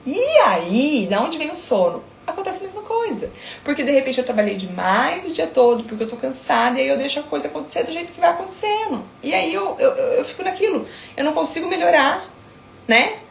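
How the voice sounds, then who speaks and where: Woman, gravelly edge, higher voice, echoey room, faint hiss. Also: sing-song. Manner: firm, emphatic, talks in quick asides. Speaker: infant sleep consultant. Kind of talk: casual talk to camera.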